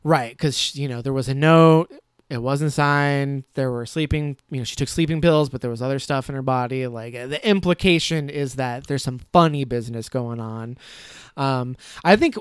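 A man's voice: medium pitch, moderate pace, smooth, no echo, studio quality. A man co-hosting a podcast, giving blunt, critical film opinions in casual chat and swearing freely. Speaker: podcast co-host.

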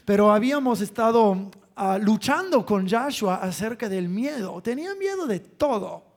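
A man's voice: high voice, expressive, moderate pace, gravelly. A man preaching a sermon through family stories, emphatic, repeating phrases and chuckling between points.

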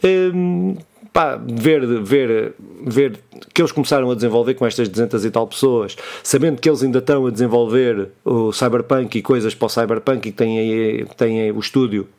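A man's voice: medium pitch, normal speed, darkish tone. A man with a European Portuguese accent co-hosting a casual gaming news podcast, rambling with many fillers and restarts and swearing freely. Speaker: podcast co-host.

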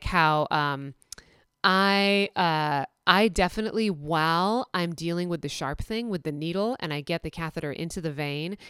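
A woman's voice: on the low side, clean tone, dry recording, studio quality. A woman hosting a casual storytelling podcast, a veterinary technician telling work stories in a chatty, self-deprecating way with many restarts. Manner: self-described nervous person.

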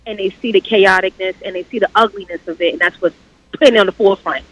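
A woman's voice: mid-range voice, quick pace, highs cut off. A woman calling in to a radio show, talking casually and personally, repeating words for emphasis. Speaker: radio call-in caller. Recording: radio phone-in call.

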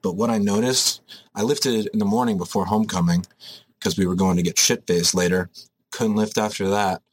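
A man's voice: fairly low pitch, steady tone, a little fast, a little hiss or hum. A young man co-hosting a casual podcast, joking around and ranting with mock intensity about training. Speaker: podcast co-host. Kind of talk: casual chat.

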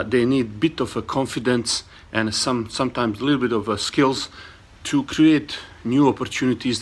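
A man from Bosnia with a Bosnian accent hosts an informal video introduction, speaking earnestly and haltingly with frequent hesitations. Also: medium pitch, a bit bright. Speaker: host and entrepreneur. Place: small studio set up in a garage.

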